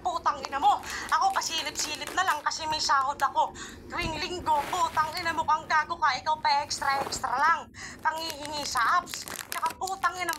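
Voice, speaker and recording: A woman with an Ilonggo accent rapping in an online battle, aggressive and full of insults. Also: sits high. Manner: aggressive, insult-heavy, rapid. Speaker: battle rapper.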